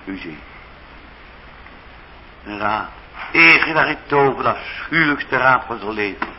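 Delivering a church sermon, this Dutch-accented pastor gives dramatic voice to the biblical characters. He speaks in an expressive, unhurried mid-range voice; the sound is muffled, with a little background noise.

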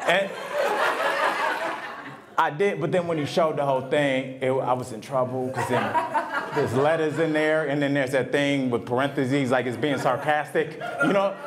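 A middle-aged man doing a stand-up comedy set at a live event, talking in a conversational, animated way with lots of asides. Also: medium pitch, normal speed. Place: live event venue with audience. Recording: live venue with loud crowd. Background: audience laughter.

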